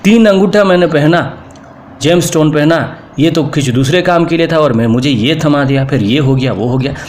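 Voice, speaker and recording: A man's voice: fairly high pitch, normal speed, darkish tone, slight background noise. Earnest Indian man teaching informally. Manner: earnest, repetitive, mixes English words into speech. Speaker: spiritual teacher. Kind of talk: informal spoken teaching to camera.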